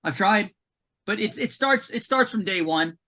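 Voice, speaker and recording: Emphatic male podcast guest, high voice with a bright edge. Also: moderate pace. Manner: emphatic and animated, repeats words. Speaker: commissioning consultant, podcast guest. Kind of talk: casual podcast conversation.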